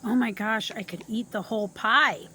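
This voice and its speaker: A woman's voice: a little high, moderate pace, bright, forceful tone, slight background noise. Chatty woman cooking vlogger. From Indiana, US. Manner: enthusiastic, chatty, addresses viewers directly. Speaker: family farm vlogger. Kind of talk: casual cooking vlog to camera. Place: home kitchen, then outdoors.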